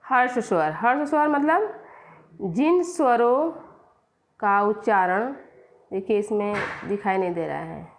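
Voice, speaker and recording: A woman's voice: mid-range voice, lively intonation, slow, pauses often. A woman teacher explaining grammar step by step, asking questions and answering them herself. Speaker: Hindi teacher. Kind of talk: classroom grammar lesson.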